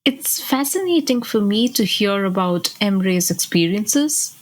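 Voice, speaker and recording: A woman's voice: medium pitch, lively intonation, a little slow, poor audio. A woman from India co-hosting a podcast, speaking in an engaged, curious way. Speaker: podcast co-host. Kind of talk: podcast conversation.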